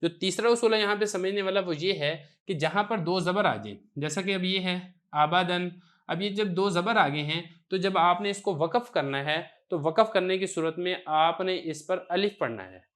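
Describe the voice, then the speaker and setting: High-voiced man teaching slow recitation. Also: fairly bright tone. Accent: Pakistani Urdu. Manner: patient explaining, slow drawn-out syllable recitation. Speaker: Quran reading teacher. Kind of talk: step-by-step recitation lesson.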